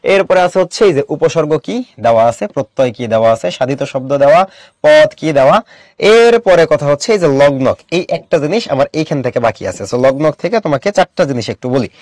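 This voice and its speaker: A man's voice: a little high, animated, fairly quick, a little mellow, no echo, studio quality. A young adult man teaching an online class, explaining step by step and asking his students questions.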